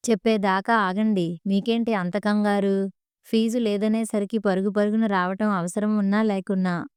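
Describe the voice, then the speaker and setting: A curt, sneering young woman dentist, as a woman storyteller puts her on. Her voice is crystal clear and dry, and she quickly brushes off her patient with mockery. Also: mid-range voice, fairly even intonation, a little mellow, no echo, natural voice. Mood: mocking.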